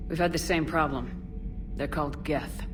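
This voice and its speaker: An actress playing a steady, direct military commander in a video game, asking probing questions in a controlled way. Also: female voice, low voice, moderate pace, over music, natural voice.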